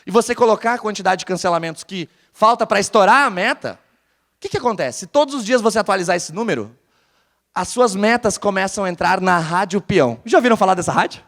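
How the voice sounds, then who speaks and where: A high-voiced man with a southern Brazilian gaúcho accent speaks to a live audience in a large hall. He talks with an energetic, swooping delivery and keeps throwing questions at the crowd. His voice carries a long reverb from the room. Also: fast. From Porto Alegre, southern Brazil. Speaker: conference speaker. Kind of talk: live motivational business talk.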